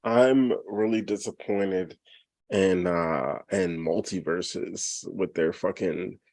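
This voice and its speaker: A man's voice: low voice, slow, gravelly, a little mellow, no room sound. A man co-hosting a gaming podcast, ranting with exasperation and cursing. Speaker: podcast co-host. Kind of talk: casual gaming chat.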